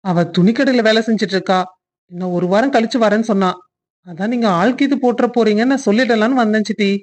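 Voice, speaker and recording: A woman voicing a kind young man in a cartoon love story who speaks earnestly and reassures gently. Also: fairly high pitch, fast, lightly acted.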